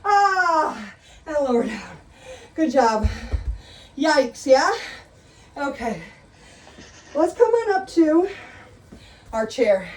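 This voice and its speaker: A woman's voice: high voice, sing-song, very slow, long pauses, slight background noise. Breathless woman teaching an exercise class. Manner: chatty, encouraging, talks while doing the moves. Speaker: exercise instructor. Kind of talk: live exercise class instruction. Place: room with a chair, exercising. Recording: echoey room, mic at a distance.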